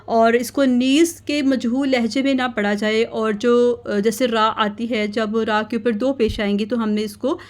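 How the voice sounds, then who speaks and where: A woman teaching children to read Quranic letters, slowly drilling sounds and repeating them with patient guidance. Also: a little high, fairly even intonation. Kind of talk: slow instructional lesson, repeating sounds for children.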